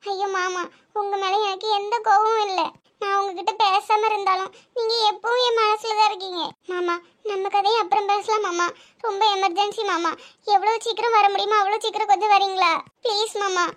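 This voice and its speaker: A woman's voice: very high voice, steady tone, a little fast, fairly bright tone. A woman voicing a young wife in a cartoon, pleading urgently in a Tirunelveli Tamil accent. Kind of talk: cartoon voice acting.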